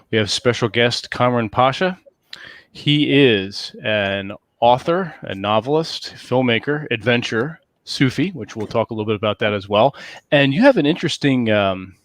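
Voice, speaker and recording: A man hosting a casual video-call interview, easygoing and halting, with frequent ums. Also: lowish voice, no room sound. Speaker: show host. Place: home room, indoors. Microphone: headset on a video call.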